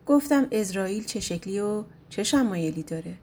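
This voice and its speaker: A woman's voice: medium pitch, expressive, a little mellow, husky. A woman reading a storybook voices a curious, stubborn bald shepherd who pleads and pries. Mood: pleading. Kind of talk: storybook narration.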